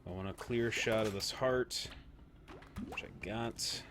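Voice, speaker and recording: Low-voiced man chatting while streaming. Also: slow pace, background noise. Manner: chatty, reacts aloud, greets chat viewers, laughs often. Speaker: game streamer. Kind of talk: casual live-stream gameplay chat.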